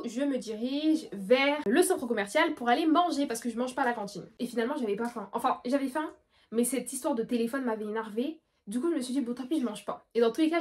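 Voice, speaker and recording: A young woman in her late teens telling a storytime vlog, animated and dramatic, with sudden loud outbursts. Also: fairly high pitch. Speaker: vlogger.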